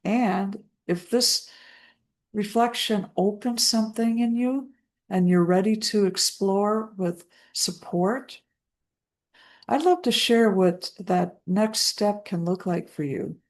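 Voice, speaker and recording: A woman speaking as a trauma recovery coach, guiding listeners through a self-help practice in a gentle, soothing way with deliberate pauses. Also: mid-range voice. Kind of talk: slow guided self-help talk.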